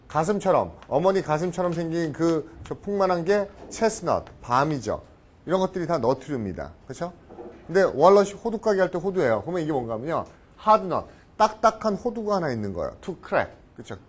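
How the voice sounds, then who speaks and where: A middle-aged man lecturing on English idioms in Korean. He keeps asking the class questions, answers them himself, and often clears his throat. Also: fairly high pitch. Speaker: professor teaching English idioms.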